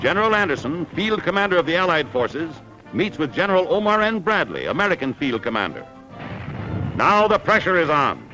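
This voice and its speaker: A man's voice: on the high side, sing-song, fairly quick, poor audio. A man narrating an old 1940s wartime newsreel in a dramatic, emphatic announcing manner. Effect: old wartime newsreel sound. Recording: narration over loud orchestral music.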